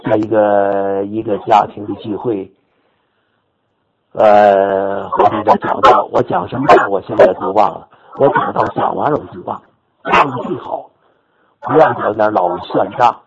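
An older man preacher telling a story in his sermon, animated and repetitive, rising to sudden high exclamations. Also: moderate pace, a loud crowd. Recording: dull lo-fi recording with audience noise.

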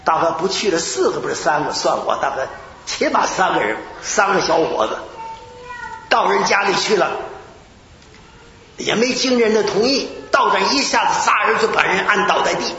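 An older male preacher tells stories from the pulpit in a high voice that leaps across his range. He acts out shouted prayers and laughs along with his own stories. The recording carries long hall reverb, a muffled lo-fi tone and a faint hiss. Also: moderate pace. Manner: animated storytelling, acting out shouts and prayers, laughing. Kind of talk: sermon with personal stories. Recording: echoey hall, dull lo-fi sound, faint hiss.

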